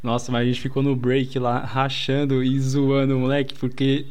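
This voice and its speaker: A man in a casual podcast chat, telling an anecdote in a slangy, animated way. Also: mid-range voice, moderate pace, clean tone.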